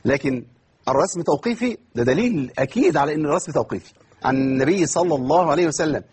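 A man with an Egyptian accent teaching Quran recitation in an online lesson. He asks himself questions and answers them, and he stretches words out slowly to demonstrate. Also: fairly high pitch, lively intonation, darkish tone, husky. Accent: Egyptian Arabic.

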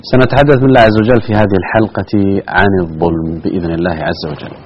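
A man's voice: fairly low pitch, expressive, rapid-fire, husky. A man hosting a religious programme in formal standard Arabic with a formal delivery. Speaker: programme host. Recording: dull, noisy broadcast audio.

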